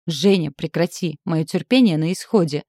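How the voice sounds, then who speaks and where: A cold, sneering man who threatens in a calm voice, as a woman reading the story gives him a low, dark tone. His menace stays quiet and controlled, and the recording is dry and close, with no room sound. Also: brisk, no echo.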